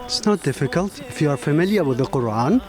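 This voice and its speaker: A competition contestant from Pakistan and Iraq, for whom English is not a first language, answers a host's questions earnestly, politely and haltingly. His voice is a little high with lively intonation.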